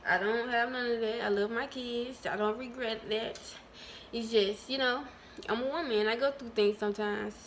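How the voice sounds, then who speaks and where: A woman talking to her viewers in a casual vlog, candid and chatty, calling them y'all, with lots of ums and pauses. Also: on the high side, steady tone, slight background noise. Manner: many ums and trailing pauses. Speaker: vlogger.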